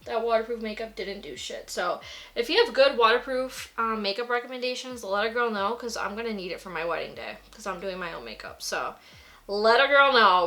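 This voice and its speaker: A young woman tells a story in a loose, chatty way while she works on her makeup, filling her sentences with "like". Her voice is bright and a little sharp. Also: medium pitch. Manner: gushing, filler-heavy with frequent "like". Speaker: beauty vlogger.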